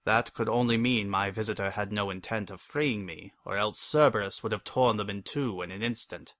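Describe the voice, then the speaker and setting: A man narrating a scripted story in a deliberate, hammy, theatrical manner, like a stage actor. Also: on the low side, bright, forceful tone, no echo, studio quality.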